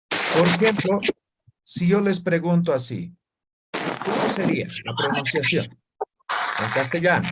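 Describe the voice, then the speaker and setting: A man's voice: a little high, breathy edge. Male teacher, online class, repeats syllables for students to echo, checks in with short tag questions.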